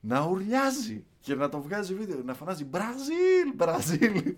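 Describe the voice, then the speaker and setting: Excited man telling a stadium story. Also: high voice. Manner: excited storytelling, acts out chants and shouts. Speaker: podcast guest recounting a match trip. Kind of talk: casual chat.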